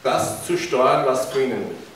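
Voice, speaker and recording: A middle-aged Austrian man delivers a public lecture at a middle pitch, putting questions to the listeners. He speaks into a handheld mic in a big, very echoey lecture hall. The recording picks him up from a distance, with a faint hiss underneath. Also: animated, normal speed. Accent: Austrian German. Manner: engaging, asks the audience questions. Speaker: keynote speaker. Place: large university lecture hall, indoors. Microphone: handheld mic, recorded by a far camera.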